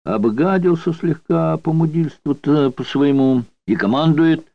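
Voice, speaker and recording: A male audiobook reader voicing an unhurried, slangy convict storyteller who mocks with coarse barracks slang. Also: on the high side, gravelly, no room sound, pitched above the performer's own voice. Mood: mocking. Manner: coarse barracks slang, mocking yarn-spinning. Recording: dull dry studio recording.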